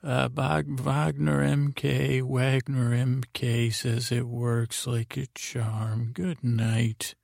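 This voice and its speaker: A man hosting a sleep podcast in the calm, gentle, rambling manner of a bedtime story narrator. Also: medium pitch, takes it slowly, gravelly, hardly any pauses, dry recording, studio quality. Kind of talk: soothing bedtime sleep-story narration, saying good night to listeners.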